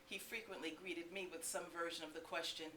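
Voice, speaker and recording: A woman's voice: on the low side, fairly even intonation, a little fast, sharp tone. Woman, middle-aged, author reading aloud, chatty laughing asides, distant mic, faint hiss. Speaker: author reading her own book. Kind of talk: live book reading with spoken asides. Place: bookstore, live audience. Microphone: distant room mic. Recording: echoey room, mic far off, faint hiss.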